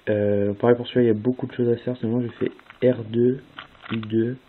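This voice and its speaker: Young male tutorial host, relaxed and chatty, reads out move sequences; lo-fi audio with faint hiss. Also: mid-range voice, a little fast. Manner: casual, spells out move sequences step by step with fillers. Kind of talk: casual tutorial explanation.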